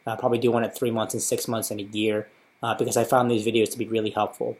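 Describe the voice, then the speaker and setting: A thirtysomething American man, a patient, talks about his surgery in an informative personal video diary. His voice is lowish and a little mellow, with little pitch movement and a quick pace. He sounds casual and matter-of-fact.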